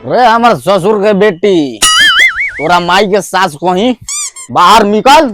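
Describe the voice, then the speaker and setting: A man's voice: sits high, wildly swooping pitch, takes it slowly, loud music behind the voice, heavily acted. A man playing a drunken, quarrelsome village husband, the town drunk, in a Bhojpuri-accented rural comedy skit. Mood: drunken, boisterous. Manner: drunken, loud, quarrelsome bluster.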